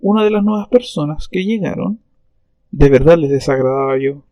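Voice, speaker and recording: A man answering interview questions in a thoughtful, reflective way, with hesitant pauses. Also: on the high side, lively intonation, mellow, no room sound. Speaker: interview guest.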